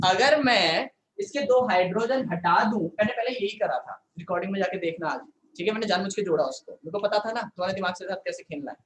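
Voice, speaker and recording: A man's voice: sits high, quick pace, few pauses, fairly bright tone, echoey room, a little hiss or hum, low-quality recording. Scolding, joking male science teacher. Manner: scolding, playful teacher banter; repeats filler "yaar" often. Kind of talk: live online class lecture.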